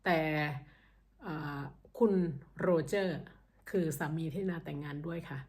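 A woman's voice: on the low side, a little slow, darkish tone. A Thai woman in her thirties with a Northeastern Thai accent, telling her own story in a chatty way and acting out the people she quotes. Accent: Northeastern Thai (Isan). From Thailand. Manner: chatty, acts out quoted voices, laughs a lot. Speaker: vlogger. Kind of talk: casual storytelling to camera.

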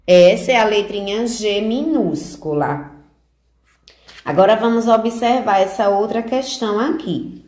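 A woman from Brazil teaches preschoolers to write their letters, talking them through each stroke. Her delivery is very unhurried and sing-song, full of gentle diminutives, with a medium pitch. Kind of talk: remote handwriting lesson for young children.

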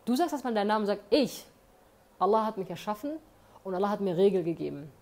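A woman's voice: mid-range voice, expressive, quick pace, darkish tone. Earnest woman giving emphatic advice. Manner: earnest, emphatic, with frequent tag questions. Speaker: advice vlogger. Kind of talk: motivational monologue. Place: indoor room.

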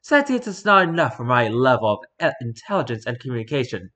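A man's voice: mid-range voice, big pitch swings, quick pace, sharp tone. A man putting on a pompous office pigeon. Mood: indignant. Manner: haughty, lecturing. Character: pompous know-it-all male office pigeon.

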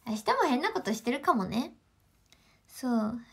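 A woman's voice: fairly high pitch, sing-song, unhurried, fairly bright tone, slightly rough. A young woman with a Kansai accent chatting casually on a home livestream, giggling often and answering viewers' greetings. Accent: Kansai Japanese.

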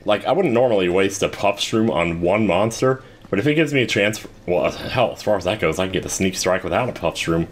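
A man's voice: sits low, lively intonation, fairly quick, hardly any pauses, a little hiss or hum. A man giving casual, rambling commentary while playing a video game, with wry asides. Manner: rambling, wry, self-deprecating. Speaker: let's play host.

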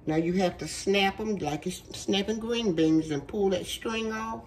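The audio is poor with slight background noise as a woman with a medium-pitched, unhurried voice hosts a home cooking video. She's chatty and folksy, leaning on fillers, and her voice is worn from a cold.

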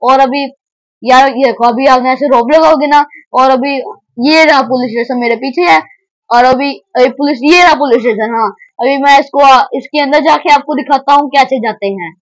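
A gameplay commentator talking in excited, rambling casual commentary, full of restarts and "guys" asides, on a close microphone. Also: high voice, normal speed, no echo, poor audio. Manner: rambling, repeats "arey yaar guys" with many restarts.

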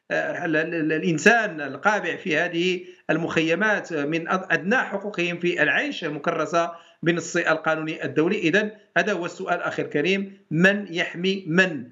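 A man, a law professor, argues emphatically in a TV debate, firing rhetorical questions. His voice is gravelly and he talks fast. The audio is dull and lo-fi. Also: on the high side, pushed and bright. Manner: declamatory, many fillers and repeated rhetorical questions. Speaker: professor of international law, TV guest.

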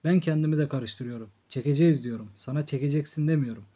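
A man's voice: a little high, quick pace, warm tone, breathy edge. A man reading a blunt drunk angry brother. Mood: brooding. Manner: harsh, blunt scolding tone. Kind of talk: audiobook character reading.

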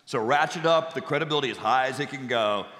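Emphatic bright-voiced pastor in echoey hall. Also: male voice, mid-range voice, fast. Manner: emphatic, repeats key phrases, leads congregation responses; jokey asides. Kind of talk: sermon. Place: church sanctuary with congregation.

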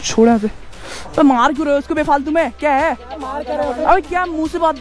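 Casting: high-pitched man, exasperated peacemaker, vlog argument, music bed. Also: moderate pace. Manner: pleading, exasperated, trying to stop a fight. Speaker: motovlogger.

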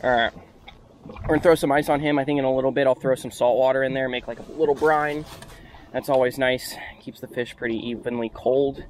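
A young man's mid-range voice, fairly even in intonation and fairly quick, narrates a casual fishing vlog from a small open flats boat. He talks cheerfully to the boat-mounted action camera while working the line, amid outdoor wind and boat noise.

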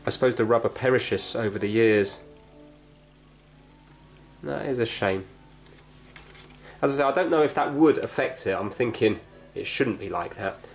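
With soft background music playing, a repair video host narrates his hands-on work at a cluttered indoor workbench in an animated mid-range voice, at normal speed with frequent pauses. He thinks aloud and explains each step tentatively and casually, while clear background noise and handling clicks come through.

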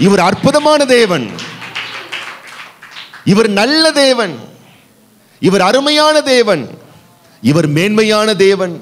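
Tamil pastor preaching in church, keeps repeating lines and throwing out questions, voice jumps up and down a lot. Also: male voice, high voice, sing-song, slow, pauses often. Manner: emphatic repetition, rhetorical questions. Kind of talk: sermon.

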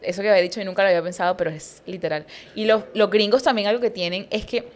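Expressive young woman. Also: mid-range voice, racing. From Colombia. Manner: expressive, imitates accents in anecdotes. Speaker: podcast guest. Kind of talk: casual chat.

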